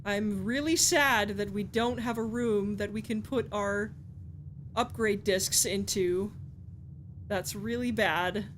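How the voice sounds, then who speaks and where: A woman's voice: medium pitch, slow, a little hiss or hum. A woman streamer commentating a puzzle game live, swearing and pleading in frustration.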